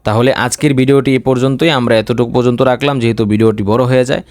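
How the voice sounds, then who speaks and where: Bangla man teaching Quran, slow spelling. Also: medium pitch, steady tone, darkish tone, no room sound. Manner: slow letter-by-letter spelling, drawn-out vowels. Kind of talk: spelling out Quran recitation lesson.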